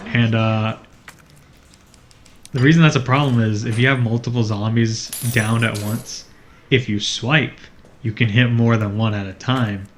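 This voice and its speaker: This is a let's play commentator, a man with a medium-pitched, steady voice who talks at a measured pace over a faint hiss or hum. In casual gaming commentary, he explains the video game's mechanics with dry, wry remarks.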